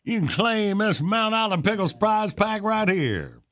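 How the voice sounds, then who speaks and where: A man's voice: sits high, big pitch swings, a little slow, fairly bright tone. A man hosting a morning radio quiz in a folksy, casual way. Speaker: radio morning show host.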